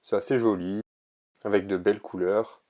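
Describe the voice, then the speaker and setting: A man casually showing an oracle card deck, talking in a relaxed, hesitant way with many pauses and fillers. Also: on the low side, highs cut off. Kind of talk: casual product presentation to camera.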